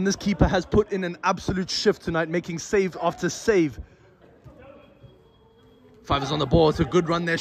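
A man commentating live on an amateur football match, excited and out of breath, with stock phrases. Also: fairly high pitch.

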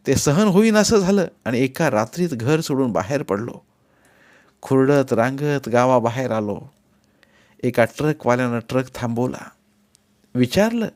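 A man narrating a novel as an audiobook, giving the characters' dialogue raised, forceful delivery. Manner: voices characters with rising pitch and force in dialogue. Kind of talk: dramatic audiobook reading.

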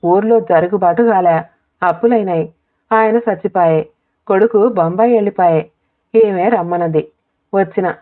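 A woman voicing a withdrawn old village woman who speaks slowly and flatly, one word at a time, in a tinny phone-like recording. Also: medium pitch, close to an everyday voice. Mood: listless. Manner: slow, flat, words dropped one at a time.

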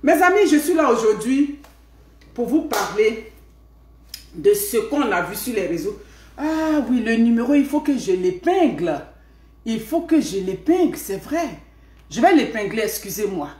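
A woman's voice: on the high side, measured pace. Middle-aged woman, Ivorian French accent, chatty live-stream host, keeps asking "hmm?", echoey room at home. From Ivory Coast. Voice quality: lively, punctuated by questioning "hmm?". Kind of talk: casual live chat.

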